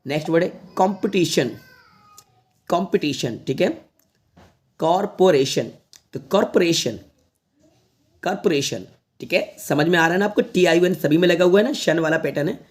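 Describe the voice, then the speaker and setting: Guy teaching an online class, says each word over and over, reassuring, talks to the kids watching. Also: fairly high pitch. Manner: repeats each word slowly several times, coaxing; reassuring, addresses the viewers as children. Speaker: English teacher. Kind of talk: spoken online lesson to students.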